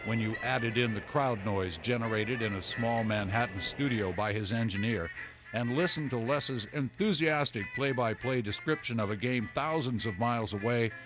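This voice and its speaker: A male news reporter narrates a sports history feature with lively, vivid storytelling, his pitch mid-range. Music plays clearly underneath his voice-over.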